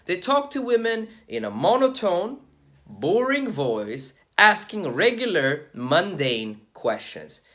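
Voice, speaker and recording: A young man who is a dating coach, talking casually to camera in an energetic, slangy, emphatic way. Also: high voice, slow. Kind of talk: casual vlog talk to camera.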